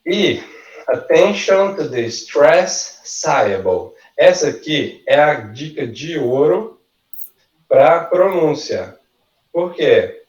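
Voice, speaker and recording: Slow, patient male teacher. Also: on the high side, very animated, echoey room, far from the mic, muffled recording. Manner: slow, careful model pronunciations for students to repeat. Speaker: language teacher. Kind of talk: online workshop lesson. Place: video call.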